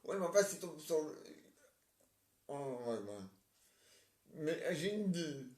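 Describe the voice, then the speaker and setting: A man acting out a comic play and switching between roles, halting and stammering as he repeats his words. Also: a little high, big pitch swings, a little mellow. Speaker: amateur stage performer. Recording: roomy, distant mic.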